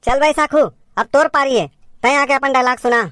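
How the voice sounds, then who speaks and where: A woman's voice: sits high, steady tone, fairly quick, a bit bright, no echo, studio quality. A woman with a Chhattisgarhi accent performing a comedy sketch as a bossy teacher who scolds and directs her pupils.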